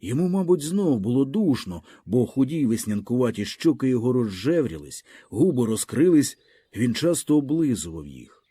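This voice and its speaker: A male audiobook narrator reads a literary story with lively, expressive pacing. His voice is mellow and slightly husky, and his pitch swings widely. The recording is dry and close, with no room sound. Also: moderate pace, no echo. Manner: expressive storytelling with vivid dynamic reading.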